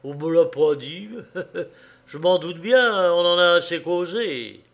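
A man's voice: high voice, lively intonation, slow, creaky, pitched above the performer's own voice, heavily acted. A man doing a growling young quarryman. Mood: growling, resentful. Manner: thick, growling voice of helpless anger. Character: young hulking quarryman, sullen, angry, accused.

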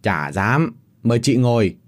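A man's voice: medium pitch, lively intonation, unhurried. A man voicing a stubborn, bitter old father who talks in curt, barking bursts. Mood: cold.

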